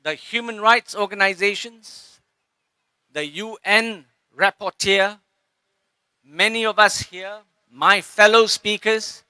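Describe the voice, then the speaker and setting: High, bright-voiced Singaporean man speechifying. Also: smooth, no room sound. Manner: impassioned, with halting pauses. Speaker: speaker at a public rally. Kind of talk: public speech.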